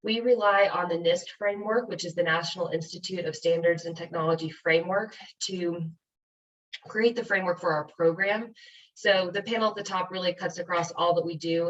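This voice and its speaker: An American woman, a county clerk, giving a measured webinar presentation with frequent ums. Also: lowish voice. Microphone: video call. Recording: distant, dull webinar audio.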